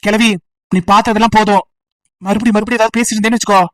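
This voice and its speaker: A woman's voice: mid-range voice, little pitch movement, racing, a bit bright, dry recording, far from the mic, voice pushed down, close to an everyday voice. A woman voicing a stubborn, bitter young village man of 28 who refuses marriage and talks curtly and threateningly. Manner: curt, threatening, sulky.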